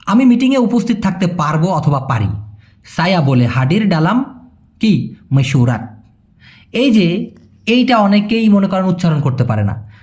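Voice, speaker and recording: A man teaches a casual language lesson. His voice sits high and swings widely in pitch as he explains. He repeats phrases slowly and patiently, checking that his viewers follow. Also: big pitch swings, darkish tone.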